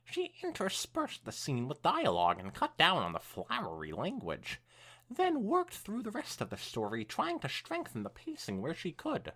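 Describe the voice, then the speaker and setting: A woman co-hosts a podcast, reading fan fiction aloud in an expressive, swooping storytelling style and tossing in casual asides. Her voice sits at a medium pitch.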